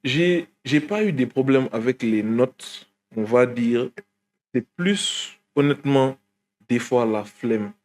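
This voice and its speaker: A man's voice: medium pitch, slow, darkish tone. A young man from Guinea, a rapper, talking casually in an interview with many fillers and restarts. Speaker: rapper guest.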